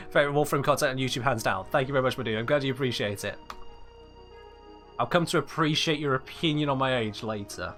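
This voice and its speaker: This is a twenty-something man from England with a medium-pitched, sharp-toned voice. He's live-streaming a game, chatting casually and reading viewers' messages aloud with playful mock outrage.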